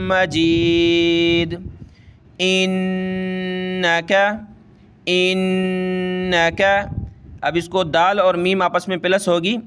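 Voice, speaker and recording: A man teaching Quran recitation step by step, quickly explaining letter sounds and then reciting each phrase slowly and drawn out. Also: high voice, a bit bright, clean tone.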